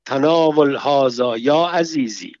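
A man voicing an insistent woman healer who speaks slow, coaxing broken Arabic in a read-aloud story. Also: medium pitch, a little mellow, no room sound, highs cut off, natural voice.

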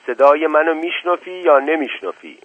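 A man voicing a frightened, suspicious village man who shouts accusations, heard on a tinny radio recording. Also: mid-range voice, lively intonation, breathy edge, no echo, voice pushed up. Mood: shouting.

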